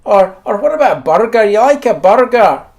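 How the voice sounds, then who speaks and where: A Scottish man putting on his mother's voice as a fussy, coaxing middle-aged woman, high and sing-song. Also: sing-song, moderate pace, vocal fry, darkish tone, full character voice.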